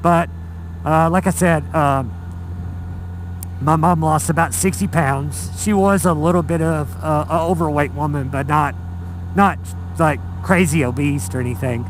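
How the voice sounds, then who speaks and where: A man, talking haltingly from inside a motorcycle helmet as he gives viewers a personal life update. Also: a little high. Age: 40s. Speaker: motovlogger. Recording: muffled inside helmet, engine and road noise.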